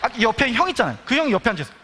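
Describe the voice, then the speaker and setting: A man preaching a personal testimony in a high, bright voice that swoops widely in pitch. He tells his story with lively storytelling and acts out the quoted voices as he goes. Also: racing, slightly rough. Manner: animated storytelling, acting out quotes. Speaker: guest speaker at prayer meeting. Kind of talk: testimony sermon.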